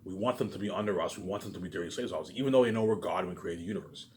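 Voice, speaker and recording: This vlogger's voice sits low with a darkish tone, and he talks very fast, with a little hiss or hum in the background. Addressing viewers in an unscripted, rambling rant, he swears freely and cycles through the same phrases and verbal tags.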